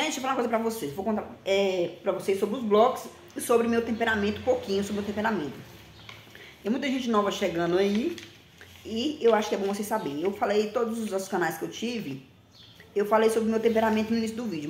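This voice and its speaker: A woman in her forties talking bluntly and emphatically to a phone camera, often ending phrases with a quick question. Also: mid-range voice, a little mellow, roomy sound, a little hiss or hum. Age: 40s. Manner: blunt, emphatic, repeats herself, frequent "tá?". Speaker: vlogger. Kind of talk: casual direct-to-camera talk. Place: small indoor room with plain wall.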